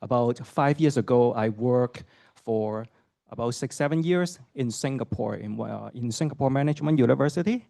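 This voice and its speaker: A middle-aged associate professor from Hong Kong gives a university admissions talk to students and parents, speaking conversationally, questioning the audience, and sprinkling in fillers and "right?" tags. His mid-range voice is gravelly and warm at a normal speed. The studio recording is clean, with no echo.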